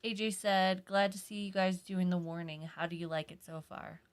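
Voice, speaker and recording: Woman co-host reading chat, lowish voice. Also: fairly even intonation, moderate pace. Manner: reads chat comments aloud, teasing. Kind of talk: casual live-stream chat.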